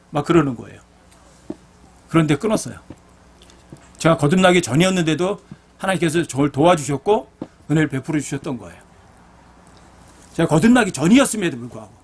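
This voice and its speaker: A man's voice: fairly high pitch, expressive, brisk, long pauses, a little hiss or hum. A middle-aged man, a pastor, preaching a blunt, earnest sermon full of personal stories.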